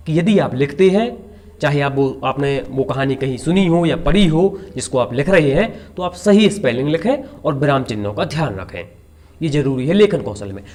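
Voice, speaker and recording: A man's voice: mid-range voice, darkish tone. A young adult man who teaches exam preparation, giving a slide lecture and patiently repeating each point.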